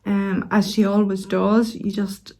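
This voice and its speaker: A middle-aged woman with a Northern Irish accent chats casually as a vlog host, gently and unhurriedly, with hesitant pauses. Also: medium pitch, level tone. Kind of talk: casual chat to camera.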